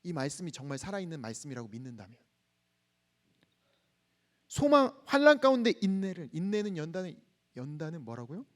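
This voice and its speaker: Guy preaching at campus chapel, pretty high voice, goes soft and hushed telling a story. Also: sing-song, fairly quick, long pauses. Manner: leads the congregation in reading scripture, asks questions back. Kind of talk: sermon.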